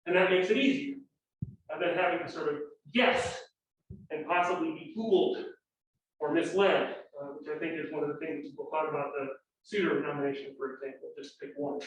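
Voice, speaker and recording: A man's voice: a little high, fairly even intonation, a little fast, slight background noise. A man speaking on a panel, rambling with many restarts and hesitations. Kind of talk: panel talk. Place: lecture room. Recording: distant, echoey, dull lecture-room audio.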